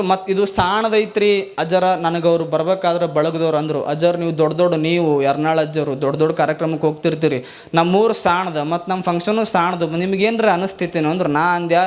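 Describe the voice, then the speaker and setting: A man with a North Karnataka Kannada accent, a monk giving a sermon as folksy storytelling full of rhetorical questions. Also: sits high. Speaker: monk giving a spiritual discourse.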